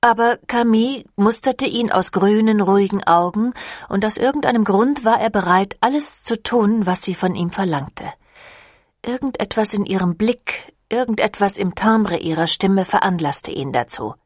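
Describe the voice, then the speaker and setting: A woman narrating a novel in a measured, even storytelling manner. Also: medium pitch, no echo, clean studio sound. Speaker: audiobook narrator. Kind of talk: scripted narration.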